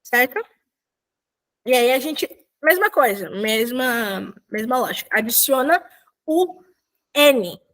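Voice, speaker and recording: Young woman, high bright voice, casual video-call teacher who corrects herself and keeps checking in. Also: lively intonation, takes it slowly, long pauses. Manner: chatty, self-correcting, frequent checks with students. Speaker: volunteer Korean teacher. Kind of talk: casual online lesson.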